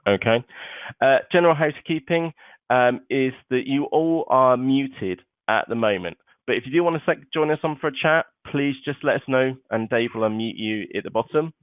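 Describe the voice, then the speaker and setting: A man with a mid-range voice hosts a live online seminar walkthrough at normal speed, chatty and casual, dropping "okay" and "uh" between points. He uses a web conference microphone, so the audio is tinny and phone-like, with no room sound.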